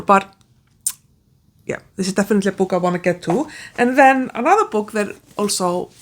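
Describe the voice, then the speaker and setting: A woman's voice: medium pitch, creaky. A woman, chatting casually about her books with frequent restarts and trailing asides. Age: 40s. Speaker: book vlogger. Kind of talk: casual book-tag chat.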